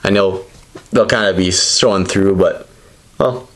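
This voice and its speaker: Low-voiced man casually showing trading cards. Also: a little slow, fairly bright tone, a little hiss or hum. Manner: rambling, tentative explaining. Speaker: presenter opening trading card packs. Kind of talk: casual unscripted show-and-tell commentary.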